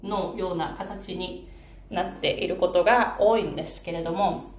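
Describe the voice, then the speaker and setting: A woman pronunciation coach explaining a chart in a patient, lively way, with many fillers and English phrases dropped into her talk. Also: on the low side, moderate pace. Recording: echoey room, faint background noise.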